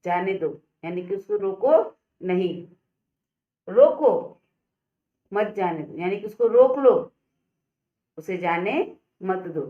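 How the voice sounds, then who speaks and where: A woman teaching a class, talking slowly and deliberately and asking the students questions. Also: medium pitch. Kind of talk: classroom lesson. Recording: echoey, dull lo-fi room.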